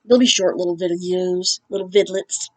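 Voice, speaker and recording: A woman's voice: lowish voice, fairly even intonation, moderate pace, a little mellow. Chatty woman in her forties, joking around. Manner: chatty and joking, laughs often. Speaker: unboxing vlog host. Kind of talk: casual chat.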